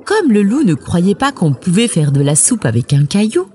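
A woman reading a children's storybook aloud, expressive and unhurried. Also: mid-range voice, slight background noise.

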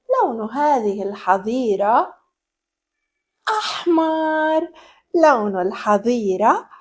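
A young woman teaching small children in an animated, sing-song way, imitating animal sounds. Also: high-pitched. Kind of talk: children's educational lesson.

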